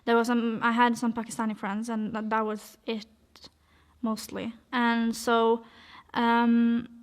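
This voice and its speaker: A woman's voice: a little high, monotone, unhurried, clear, resonant tone. A young woman from Norway telling her life story in a casual, hesitant way, with many fillers and restarts. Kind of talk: personal testimony, casual.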